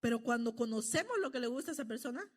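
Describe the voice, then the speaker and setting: A middle-aged woman from El Salvador with a high-pitched voice delivers a sermon. She speaks earnestly and conversationally, often turning to her listeners with quick tag questions. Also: expressive. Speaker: preacher.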